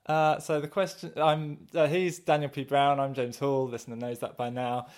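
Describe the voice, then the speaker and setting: A man co-hosting a podcast in casual chat, quick and joking with self-aware banter. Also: medium pitch, little pitch movement. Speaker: podcast co-host.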